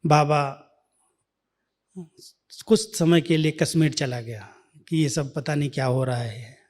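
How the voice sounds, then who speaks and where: Slow, soft-spoken male spiritual storyteller. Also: a little high. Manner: slow, measured, drops to soft near-whispers. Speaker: spiritual speaker. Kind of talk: devotional storytelling talk.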